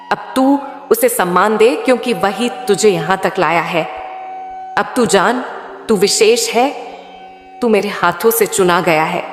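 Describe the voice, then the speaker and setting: A woman voicing a loving, all-knowing mother goddess in a soothing devotional message, speaking slowly and intimately. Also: mid-range voice, lightly acted. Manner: slow, soothing, intimate address. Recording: echoey hall with faint sitar music.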